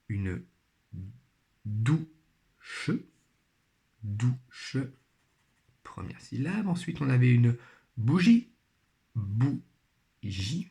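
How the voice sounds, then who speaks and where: A man's voice: mid-range voice, warm tone. A man teaching a primary phonics lesson, speaking patiently and spelling out each sound and syllable carefully. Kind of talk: recorded remote phonics lesson.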